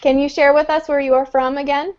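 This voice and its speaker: Her voice high-pitched and flat, a woman briskly teaches English in a live online class. She explains things patiently, one step at a time, filling pauses with lots of "um"s, and the call sound is dull and low-fidelity.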